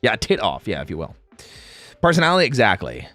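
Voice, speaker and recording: A streamer and game voice actor hosts a casual livestream, teasing viewers playfully and bursting into exclamations and animated reactions. His voice is on the low side and quick, with faint music in the background.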